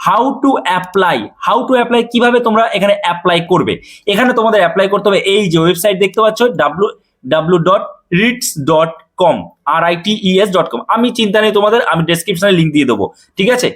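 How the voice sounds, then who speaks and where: Speaking quickly in a high, fairly bright voice, a coaching teacher walks viewers through a job notice. He speaks straight to them, frequently pausing to confirm they're keeping up.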